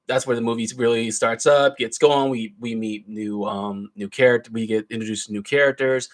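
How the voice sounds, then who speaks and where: A man's voice: mid-range voice, steady tone, moderate pace. A man giving a casual, rambling film review, retelling the plot loosely with plenty of asides. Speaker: movie reviewer.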